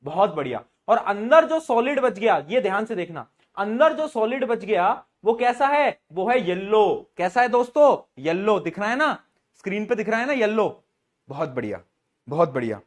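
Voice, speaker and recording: Young guy teaching a live online science class, kinda high voice, jokey and teasing with the kids. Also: big pitch swings, moderate pace. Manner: playful, teasing, talks straight to students.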